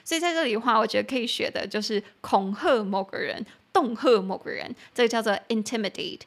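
A young woman hosting a podcast lesson, explaining English phrases in chatty Mandarin and spelling words out slowly. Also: on the high side. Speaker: English teacher and podcast host. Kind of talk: bilingual language lesson.

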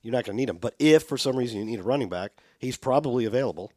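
A man's voice: medium pitch, lively intonation, very fast, mellow, no echo, clean studio sound. A man co-hosting a podcast, chatting casually about football and reading listener emails aloud. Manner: conversational, reads listener letters aloud. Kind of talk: casual sports chat.

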